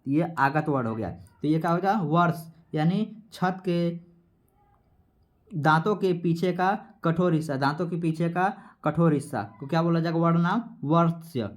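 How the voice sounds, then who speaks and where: A man's voice: a little high, moderate pace. A man teaching an exam-prep grammar lesson, asking questions and answering them himself, sounding out letters one by one. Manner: repetitive, quizzing, asks and answers himself.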